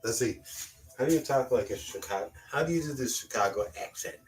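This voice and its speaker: A man's voice: mid-range voice, expressive, brisk, slight background noise. A man hosting a live cooking stream from his kitchen, chatting casually, swearing offhandedly and talking to his cat. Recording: voice a bit distant from the mic.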